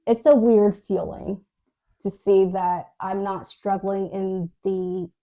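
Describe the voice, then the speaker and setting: A woman co-hosts a podcast and tells her story casually and hesitantly, full of fillers, restarts and small laughs. Her mid-range voice is dark in tone, with fairly even intonation and a slow pace, and she laughs often as she talks.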